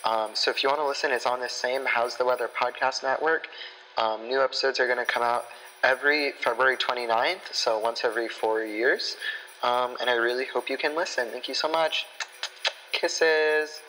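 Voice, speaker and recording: A young man voicing a deadpan male guest who rambles through a promo for his own podcast, full of fillers. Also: mid-range voice, normal speed, in a large hall, a little hiss or hum, pitched below the performer's own voice, close to an everyday voice, low-quality recording. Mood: mock-earnest.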